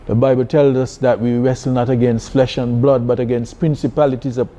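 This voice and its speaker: A man from Saint Kitts with a Kittitian accent, answering as a church leader in an interview, haltingly and deliberately, often repeating words. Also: mid-range voice, level tone, warm tone. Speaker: church district superintendent being interviewed.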